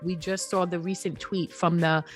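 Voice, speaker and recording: Low-voiced woman explaining earnestly. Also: level tone, normal speed, faint music behind. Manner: earnest, explanatory, frequent "you know". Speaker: guest, app founder. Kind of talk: podcast interview.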